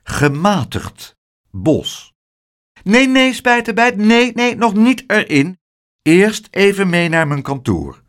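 A man's voice: fairly high pitch, big pitch swings, takes it slowly, voice pushed up. A man voicing a fussy, grumpy grown man who runs weather experiments, peevish and scolding.

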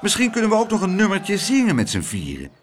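A man's voice: high-pitched, huge pitch swings, quick pace, slight background noise, voice pushed up. Opinionated older woman from a storybook, dismissive and sure of herself; done by the male reader. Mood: cheerful. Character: bossy, know-it-all older woman.

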